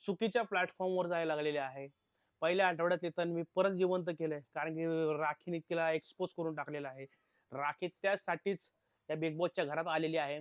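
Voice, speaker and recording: A man giving a casual, animated recap of a reality show episode, talking straight to his viewers and acting out the contestants' lines. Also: on the high side, no echo, studio quality. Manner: animated, addresses viewers as friends, acts out quotes.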